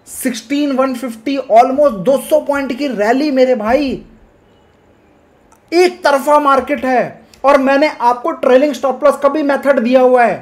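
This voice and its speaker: Casting: male trading-channel host, hyped and emphatic, mixes English, pleads with viewers. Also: very high voice. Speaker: stock market trading educator. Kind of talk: energetic market commentary to camera.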